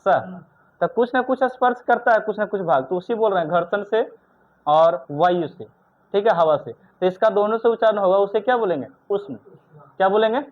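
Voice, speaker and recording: A stern male teacher in a classroom drills his students with repeated questions and sharp scolding. His voice sits high for a man. The sound is thin and tinny, like a phone line. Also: fairly quick. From India. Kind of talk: classroom grammar lesson.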